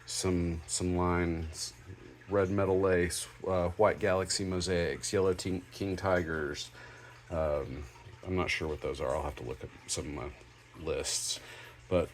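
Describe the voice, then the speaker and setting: A man's voice: low-pitched, fairly bright tone, slight background noise. A man, a fish hobbyist, chatting casually through a first look at some lights in a room at home, rambling easygoing with fillers and corrections, into a handheld camera. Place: home room with fish tubs under a shelf.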